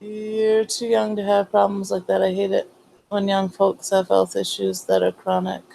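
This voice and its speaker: Gravelly woman chatting to viewers. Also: medium pitch, monotone, normal speed, warm tone, slight background noise, rough recording. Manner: chatty, teasing, asides to viewers. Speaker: livestream host. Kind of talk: casual late-night chat.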